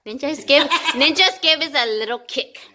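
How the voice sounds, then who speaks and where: A woman's voice: sits high, moderate pace. A tipsy woman co-hosting a casual cooking chat, giggly and playful with her interjections. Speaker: co-host of a cooking video. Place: home kitchen. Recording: busy chatter in the background.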